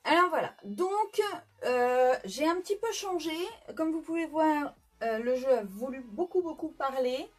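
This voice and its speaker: A woman's voice: high voice, animated, a little slow. A French woman giving a casual tarot reading, chatty and hesitant with many fillers and restarts. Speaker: tarot reader. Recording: faint background music.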